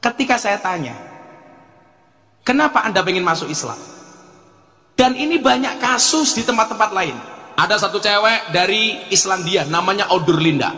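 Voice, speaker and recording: A Javanese-accented man preaches to a crowd in a high, bright voice, spinning funny stories and slipping into Javanese and broken English. His words ring out with a long echo across a large hall. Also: expressive, normal speed, long pauses, faint music behind. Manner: storytelling with jokes, switches into Javanese and broken English. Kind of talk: humorous religious sermon to a crowd.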